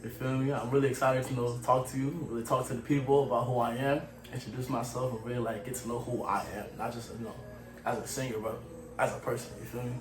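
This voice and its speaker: A man's voice: medium pitch, little pitch movement, fast talker. A man in his twenties from Cameroon, raised in Maryland, talking as a guest singer in a casual, slangy way. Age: 20s. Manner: laid-back, slangy, often trails off softly. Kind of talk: casual interview chat. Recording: roomy echo, faint music.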